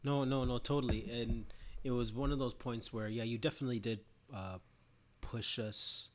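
Animated storytelling man, podcast host. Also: mid-range voice, moderate pace. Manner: animated storyteller, acts out quotes with laughter. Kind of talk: casual conversation, storytelling.

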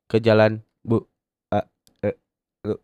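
A man's voice: on the low side, monotone, takes it slowly, warm tone, clear, resonant tone, no echo. A male radio DJ on a prank phone call, chopping his words into broken fragments to fake a bad connection that keeps cutting out. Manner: fakes a breaking-up line by clipping his words into choppy fragments.

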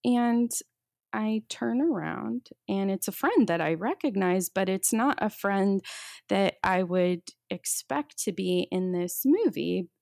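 A woman being interviewed, telling a personal story haltingly, with many restarts and fillers. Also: mid-range voice, lively intonation, gravelly, a little mellow, dry recording, studio quality. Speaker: guest sharing a testimony.

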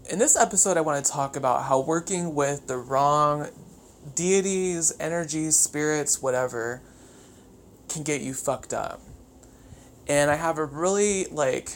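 Hyped up chatty podcast host, like too much caffeine, sweary, medium pitch, some room noise behind. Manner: wired, chattery, over-caffeinated energy; frequent casual swearing. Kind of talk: casual solo podcast talk. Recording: clear background noise.

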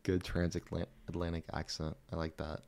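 A man's voice: sits low, completely flat delivery, measured pace, gravelly, darkish tone. A man co-hosting a podcast in casual chat, blunt and teasing, swearing freely. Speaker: podcast co-host.

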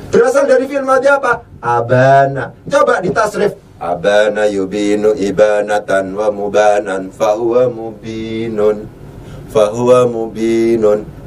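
A man's voice: on the high side, a little mellow, a little hiss or hum. Man teaching grammar from across the room. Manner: spells out letters and drills word forms, asking and answering his own questions; slows to a drawn-out chant on example words. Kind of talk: classroom lesson. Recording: voice picked up from a distance.

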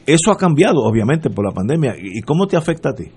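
Husky joking older Puerto Rican man. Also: medium pitch, big pitch swings, fast, darkish tone. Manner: joking, rambling, laughs often. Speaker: radio talk show host. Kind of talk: casual talk show interview.

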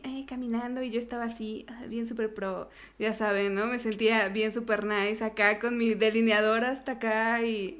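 A young woman with a Mexican accent tells a story on a casual podcast. Her voice sits high, and she keeps breaking into giggles as she goes. She is an animated storyteller. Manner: animated storytelling, laughing often. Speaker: podcast co-host. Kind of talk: casual chat.

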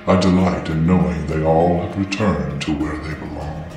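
A man voicing a grave, dignified male Grim Reaper in a storybook reading, speaking slowly and in a hushed, measured way. The voice sounds distant and heavily echoing. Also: a bass voice, steady tone, faint music behind, voice pushed down. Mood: solemn.

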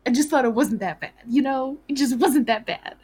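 Female podcast co-host, husky, slightly high, rambling and hesitant chat. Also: moderate pace, a little mellow. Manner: rambling and hesitant, many fillers.

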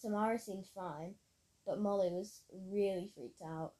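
Woman reading a story, mellow voice. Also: medium pitch, unhurried, low-quality recording. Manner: plain storytelling, occasional slips and restarts. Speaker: narrator. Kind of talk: reading own story aloud.

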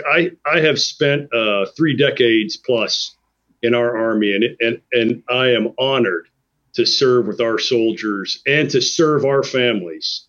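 A man's voice: medium pitch, a bit bright, highs cut off. A man in his fifties, an army general, talking casually in an interview in an upbeat, plain-spoken way. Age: 50s.

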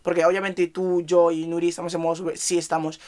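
A young adult woman with a Spain Spanish accent, chatting casually as a podcast co-host and talking in an expressive, animated way. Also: on the low side. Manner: expressive, animated, drawn-out emphasis and laughter. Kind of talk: casual chat.

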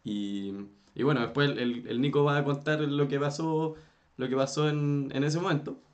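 A young man in his teens with a Chilean accent, telling a story in a casual chat, expressive and acting out what others said. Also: fairly high pitch, moderate pace, muffled recording. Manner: expressive, acts out quotes, laughs. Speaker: podcast co-host.

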